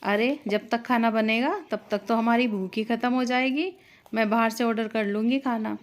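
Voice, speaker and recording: A woman's voice: on the high side, steady tone, moderate pace, close to an everyday voice. A woman doing an impatient, scornful sister-in-law.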